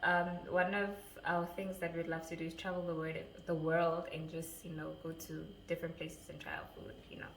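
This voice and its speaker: A woman's voice: low-pitched, little pitch movement, brisk, few pauses. A woman in her twenties chatting casually as a vlogger, answering viewer questions, giggling and stumbling over names. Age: 20s. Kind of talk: casual Q&A chat. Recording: echoey room with faint noise.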